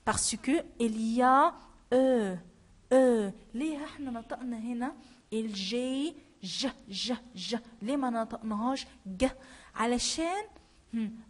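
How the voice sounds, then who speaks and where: An Egyptian woman teaching a French lesson, spelling out letters one by one and repeating each sound. Her voice sits a little high, and she takes her time. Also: unhurried. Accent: Egyptian Arabic. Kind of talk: classroom lesson.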